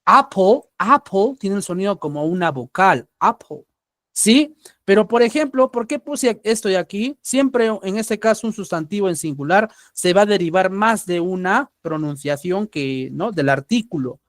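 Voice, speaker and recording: A high-voiced man from Peru takes learners through a grammar lesson. He is patient, checks in often and repeats example words slowly. His voice sits close and dry on the mic, with no room around it. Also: lively intonation, no room sound. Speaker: English teacher.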